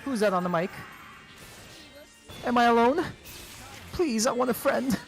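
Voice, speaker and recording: A man's voice: very high-pitched, lively intonation, a little slow, gravelly, soft background music. A man in his thirties doing casual, crude, joking commentary on a fighting game tournament stream. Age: 30s. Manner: joking, crude, playful banter.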